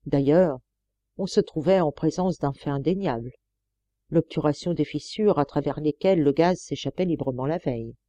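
A woman reading a classic novel aloud as an audiobook, in steady, measured storytelling. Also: low-pitched, dry recording, highs cut off. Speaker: audiobook reader. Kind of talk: scripted audiobook narration.

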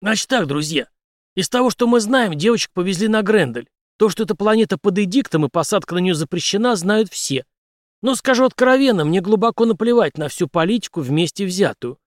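A man voicing a determined former captain who speaks forcefully to his friends. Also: high voice, lively intonation, brisk, no room sound, studio quality, voice pushed up. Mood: resolute. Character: resolute male ex-captain, a devoted husband.

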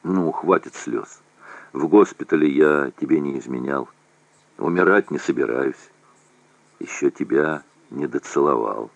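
A man's voice: a bass voice, measured pace, creaky, no room sound, pitched below the performer's own voice, heavily acted. A man reading an insistent young officer. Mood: coaxing. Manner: coaxing and insistent. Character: young male artillery officer, confident and insistent.

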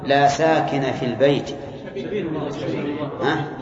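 An older man gives a classroom grammar lesson at a measured pace, regularly stopping to check his students with short prompts. His voice sits at an ordinary pitch for a man. The recording is dull and lo-fi, with a roomy, long-ringing echo from a lecture hall. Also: crowd noise. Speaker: teacher of Arabic grammar.

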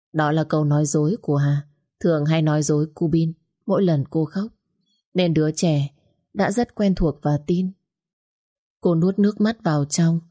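Brief: woman narrator, steady scripted storytelling, low and mellow.

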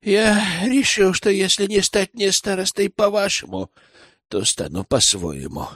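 A bitter, scheming village outcast, as a man reads him, sullen and full of self-pity. His lines swing up and down in pitch through a dry, close audiobook reading. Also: very animated, unhurried, a bit bright, no echo, exaggerated voice. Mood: spiteful. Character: resentful scheming male village outsider.

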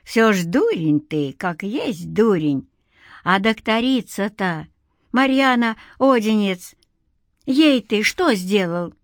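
A stout old village granny who scolds with sharp, bossy force, as a woman puts her on. She rises high and loud when she chides. The sound is dry and close. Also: animated, slow, dry recording. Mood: chiding.

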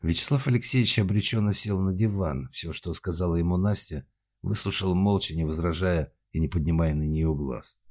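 A man narrating an audiobook in a steady, measured reading. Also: low voice.

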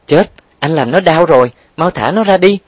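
A man reading an audiobook and voicing a poor, gentle old mother in a wheelchair, kindly and gently scolding. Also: medium pitch, fairly quick, no room sound, lightly acted. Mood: alarmed. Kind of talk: audiobook character voice.

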